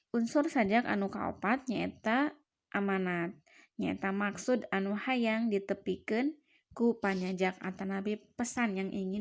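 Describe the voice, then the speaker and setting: Slow, measured Sundanese-accented woman teacher. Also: mid-range voice. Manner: explains in Sundanese, then repeats in Indonesian. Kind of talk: classroom lesson.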